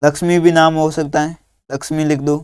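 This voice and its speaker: A man teaching young children through a workbook, dictating words slowly and patiently one at a time. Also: fairly high pitch, little pitch movement, darkish tone, clean tone, no echo, clean studio sound.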